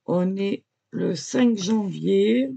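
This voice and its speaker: Speaking extremely slowly in a warm, creaky mid-range voice, a woman shows off her amateur drawing to viewers. She hesitates constantly, filling gaps with "euh" and "voilà," and tends to cough and choke while talking.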